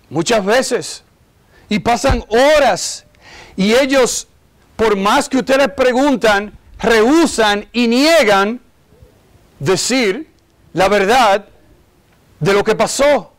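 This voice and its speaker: High-voiced earnest preacher man. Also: slow pace, pauses often. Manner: earnest preaching, keeps asking listeners "¿verdad?". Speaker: pastor. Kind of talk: sermon.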